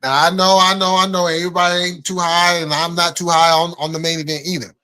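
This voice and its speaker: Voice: medium pitch, flat delivery, fast, pushed and bright. A live stream host chatting casually with viewers in informal, slangy speech peppered with swearing.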